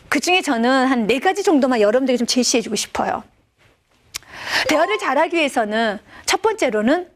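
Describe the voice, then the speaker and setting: A woman pastor giving a televised lecture on parenting, addressing her audience expressively. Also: sits high.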